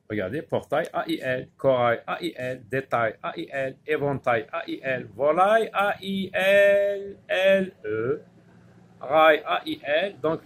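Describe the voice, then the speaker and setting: A man's voice: mid-range voice, slightly rough. A man teaching a French spelling lesson, patiently repeating words and spelling them letter by letter.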